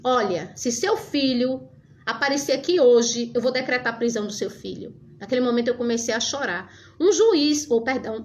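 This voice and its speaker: A woman's voice: on the high side, slight background noise. A woman giving a fervent religious testimony, speaking straight to her listeners. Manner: fervent, addresses listeners as brothers and dear ones.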